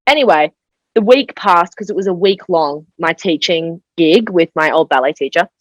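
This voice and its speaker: A woman's voice: on the low side, expressive, normal speed, dry recording, rough recording. A young woman, a guest telling her story in a casual interview, chatty and full of 'like'. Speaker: podcast guest.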